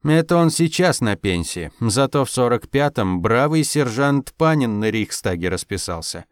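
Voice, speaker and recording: A man's voice: medium pitch, big pitch swings, moderate pace, smooth, no room sound, studio quality. A man reading a first-person story aloud as scripted narration, in a wry, ironic storytelling manner. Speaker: audiobook reader.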